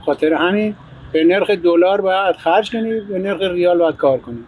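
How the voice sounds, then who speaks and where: A man's voice: high-pitched, a little mellow, husky. A man working as a taxi driver, chatting casually and complaining as he answers an interviewer. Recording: noisy vehicle and street ambience.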